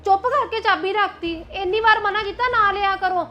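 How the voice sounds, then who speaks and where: A woman plays an outspoken young wife with a Punjabi accent, scolding and defiant. Her voice is high and bright, with a sharp edge. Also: normal speed. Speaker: younger sister-in-law.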